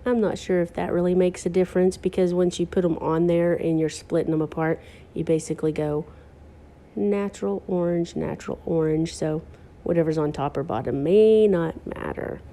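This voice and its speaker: Mellow-voiced woman chatting through a craft tutorial. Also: fairly low pitch, fairly even intonation, normal speed. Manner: chatty, self-deprecating, enthusiastic about textures. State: stuffy from allergies. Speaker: craft video host.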